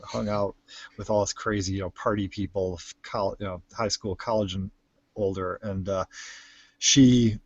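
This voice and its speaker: A man with a low, husky voice talks loosely on a live stream, stumbling through stories with restarts and fillers. His home mic sounds dull and lo-fi, and there is no room echo at all. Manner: rambling, halting, many restarts and fillers. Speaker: stream co-host. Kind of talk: casual chat. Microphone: home computer mic.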